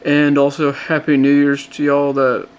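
A man's voice: fairly high pitch, completely flat delivery, a little slow, smooth. A man with a light Southern accent from Georgia, talking through a casual vlog update late at night, rambling with many restarts and fillers. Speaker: hobbyist phone modder.

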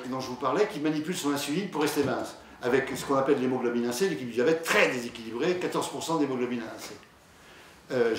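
A man, a diabetologist, giving a conversational conference lecture, hesitant with many fillers and restarts, telling patient anecdotes. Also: medium pitch. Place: lecture hall. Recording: echoey hall, distant mic, faint noise.

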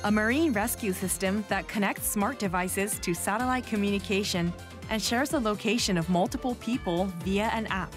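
A woman giving calm, measured scripted narration for a documentary, with music underneath. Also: medium pitch. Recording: voice-over with music bed.

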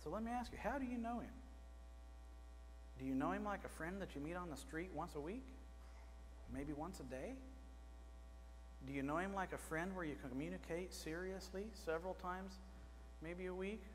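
The sermon comes from a man with a high voice who moves at a moderate pace and leaves long pauses. Gesturing at the pulpit in a small church sanctuary, he talks conversationally and questions the congregation. The pulpit microphone catches heavy reverb and faint mains hum.

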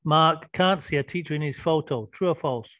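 A man's voice: fairly high pitch, moderate pace, fairly bright tone, no echo. A man teaching an online English class, patiently prompting students with questions over a video call.

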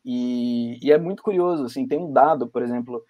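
A man's voice: medium pitch, fairly quick, muffled recording. A Brazilian man with a Brazilian Portuguese accent, talking on a video-call panel and thinking aloud with many fillers and restarts. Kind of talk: academic panel discussion.

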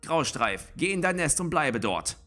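A man's voice: fairly high pitch, sing-song, measured pace, pushed and bright, faint music behind, voice pushed up, exaggerated voice. A man reading aloud and voicing a stern female cat clan leader who scolds and commands. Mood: commanding.

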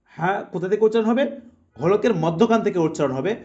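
A man teaching Quran recitation, slowly and deliberately drawing out each letter sound for his students to repeat. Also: sits high, warm tone, dull audio. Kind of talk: slow instructional lesson.

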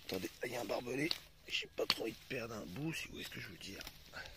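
A man's voice: mid-range voice, expressive, fast talker, very noisy. A man chatting casually in a vlog, swearing freely and cooing at his dogs while filming outdoors on a phone. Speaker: vlogger.

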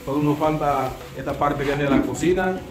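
A man from Cuba giving an informal site walkthrough report, with halting repeats. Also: on the high side.

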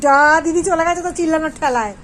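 A woman's voice: high voice, rapid-fire, very noisy. A woman, talking to her pet dogs in coaxing, sing-song baby talk. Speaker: pet vlogger. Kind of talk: casual talk to pets.

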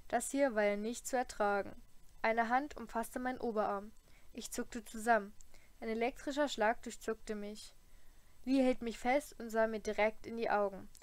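A woman's voice: a little high, no room sound. Woman reading an audiobook aloud. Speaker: audiobook reader. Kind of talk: first-person audiobook narration.

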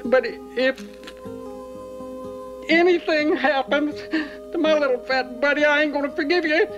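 An actor playing a flustered small-town sheriff, pleading and stammering over a CB radio transmission. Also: male voice, very high voice, a little slow, over music. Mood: threatening. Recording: muffled CB radio audio.

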